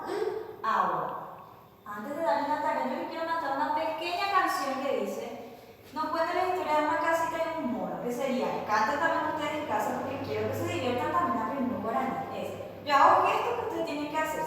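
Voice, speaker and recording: A woman teaching a recorded lesson for children, repeating words slowly and clearly for her pupils. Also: high-pitched, fairly bright tone, a little hiss or hum. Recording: echoey room, mic far off.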